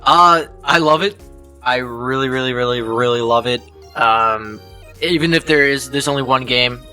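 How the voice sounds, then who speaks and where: A man with a bright, forceful voice chats eagerly as a co-host and stacks repeated words when excited. Faint music plays softly behind him. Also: medium pitch, normal speed. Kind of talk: casual chat.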